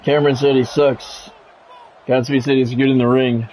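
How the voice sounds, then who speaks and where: A man with a slightly mellow, mid-range voice and flat delivery live streams a football video game, mixing blunt chat and play-by-play. He halts and repeats words and phrases often. Soft music plays behind him, and the audio quality is poor.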